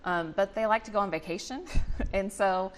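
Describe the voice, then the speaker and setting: A woman's voice: medium pitch, moderate pace. A woman explaining things in a chatty, conversational way as an interview guest. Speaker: guest, representative of a volunteer reading charity.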